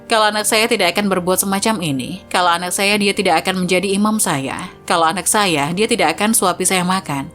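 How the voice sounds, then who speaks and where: A woman's voice: fairly low pitch, brisk, few pauses, fairly bright tone, faint music behind, lightly acted. Woman reading as a frail pleading old mother. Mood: grieving. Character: frail elderly mother longing for home.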